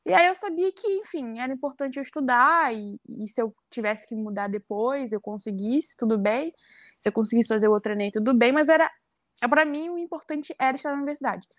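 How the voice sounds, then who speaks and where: A young woman from Rio with a Carioca accent, telling her story in a chatty, reflective way. Her voice sits high, and the recording is dry and close. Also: a little fast, no room sound. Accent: Carioca Brazilian Portuguese. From Rio de Janeiro, Brazil. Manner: chatty, reflective, frequent tag questions. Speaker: guest. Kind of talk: casual interview conversation.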